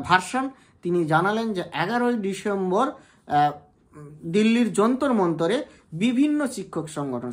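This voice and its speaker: A woman, speaking at a middle pitch as she hosts an education channel. She explains in a measured commentary, pausing often on hesitation sounds and posing rhetorical questions to her viewers.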